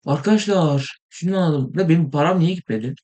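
A young man casually commenting on his gameplay, rambling and excitable, sometimes mumbling, saying he is tired. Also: a little high, fast talker. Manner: rambling, excitable, swears in frustration, trails off into mumbling. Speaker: gaming video host.

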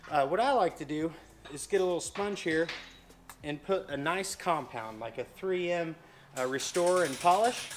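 A laid-back man in his thirties, a boat dealer who hosts his own channel, talks through a hands-on boat repair in a casual how-to style that's easygoing and folksy. His voice runs slightly high for a man and moves at normal speed. The camera mic sits well back in a large showroom, with a constant hiss of noise beneath him.

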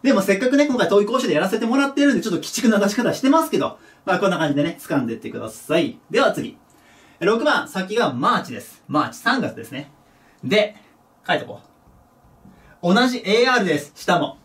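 Lively Japanese man teaching, slightly distant. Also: quick pace. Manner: lively, drops to a low murmur for example words. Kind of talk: recorded English pronunciation lesson. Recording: voice a bit distant from the mic.

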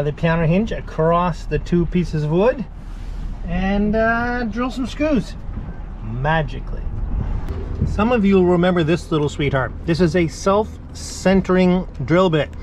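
A man's voice: fairly high pitch, a little slow, a little hiss or hum, low-quality recording. A middle-aged man giving casual, upbeat how-to narration while working on a wooden boat outdoors, recorded on a nearby action camera. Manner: upbeat, explains each step while working. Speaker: boat-living vlogger. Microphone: wide-angle action camera nearby.

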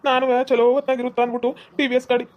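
A woman voicing a grumpy old village man with a North Karnataka accent, complaining loudly in a cartoon comedy. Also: a little high, level tone, racing, close to an everyday voice. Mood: ranting. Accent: North Karnataka Kannada.

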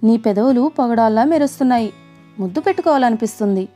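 A woman's voice: a little high, expressive, fast talker, dark tone, soft background music, lightly acted. A woman voicing a teasing young male spirit. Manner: teasing, murmured close to the ear. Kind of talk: audiobook character voice.

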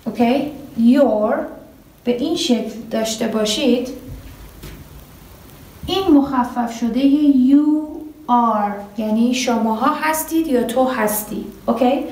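High-voiced woman teaching in an echoey room. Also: mellow, far from the mic. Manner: slow, drawn-out English example sentences; asks the class questions and answers them herself. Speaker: English teacher. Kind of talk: grammar lesson at a whiteboard.

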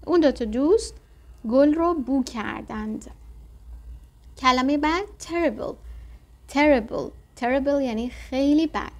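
A woman with a high voice gives an English vocabulary lesson. She reads each example sentence slowly and carefully, then explains it in an easy, conversational way. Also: darkish tone. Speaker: English teacher.

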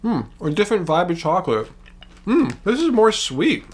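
A man's voice: sits high, big pitch swings, normal speed, slightly rough. A man chatting casually on a snack tasting vlog while chewing as he talks. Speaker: co-host of a snack tasting channel. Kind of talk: casual chat.

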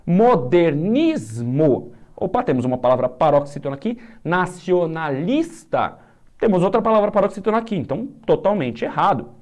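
A male teacher, going through exam questions in a casual lesson, upbeat and chatty, drawing out key words slowly. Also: high-pitched, big pitch swings, darkish tone.

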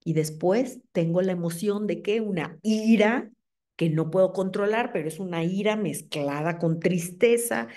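A middle-aged woman with a Mexican accent, giving an animated talk to a group of mothers and checking in with them as she goes. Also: on the low side, unhurried. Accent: Mexican Spanish. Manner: animated, asks the audience "¿ok?".

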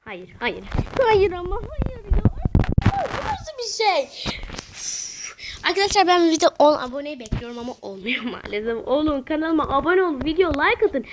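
A woman giving let's-play commentary as a gaming channel host, excitable and groaning and exclaiming whenever she fails. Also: sits high, brisk, hardly any pauses, background noise.

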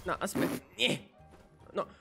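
A man, shouting and pleading in a frantic gaming chat. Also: unhurried. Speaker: gaming youtuber. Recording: game music behind voice chat. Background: game music.

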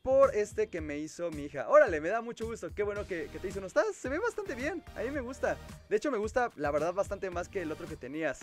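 High-voiced Mexican man hosting a livestream. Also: sing-song, quick pace, hardly any pauses, faint music behind. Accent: Mexican Spanish. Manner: chatty, reads viewer comments aloud and replies. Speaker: livestream host. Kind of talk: casual livestream chat.

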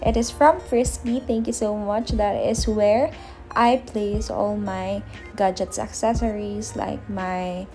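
Chatty young woman, slow and easy. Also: medium pitch, steady tone, low-quality recording. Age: 20s. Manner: chatty, laughs easily, soft-spoken asides. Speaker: vlogger. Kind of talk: casual vlog narration. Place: small apartment room, indoors. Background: background music.

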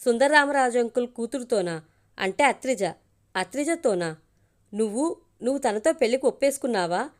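Woman doing a young guy in an audio story, exasperated, keeps firing questions, higher voice. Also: animated, moderate pace, pauses often, close to an everyday voice. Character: young man, surprised and exasperated best friend.

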